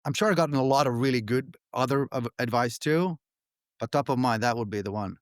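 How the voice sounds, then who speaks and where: A middle-aged man from Finland, answering interview questions in a relaxed, halting way with frequent restarts. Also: mid-range voice, no room sound, studio quality. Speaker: podcast guest, company founder.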